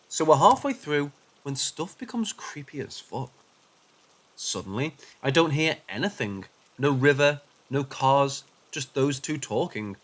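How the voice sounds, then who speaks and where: The speaker is a man telling first-person supernatural tales from a script; during tense moments he drops to a low, hushed tone.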